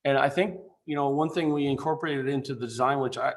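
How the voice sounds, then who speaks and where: Man on a video call, architect pitching a design, casual and halting, mid pitch. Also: steady tone. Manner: informal, halting, many fillers and restarts. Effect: speaking remotely over a video call. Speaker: architect presenting a building design. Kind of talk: presentation to a council.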